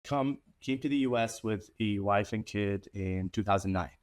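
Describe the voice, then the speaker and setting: Low-voiced Iraqi-born tech founder. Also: male voice, moderate pace. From Iraq. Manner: earnest, steady, some repeated word starts. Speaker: MSP company founder, guest. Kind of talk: conversational interview.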